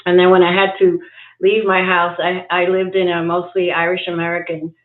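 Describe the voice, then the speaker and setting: A woman raised in Cuba and New York City appears as a guest executive coach on a livestream interview, speaking thoughtfully at a normal speed in a lowish, completely flat voice. She uses many fillers and restarts, and the video-call audio sounds echoey and phone-like.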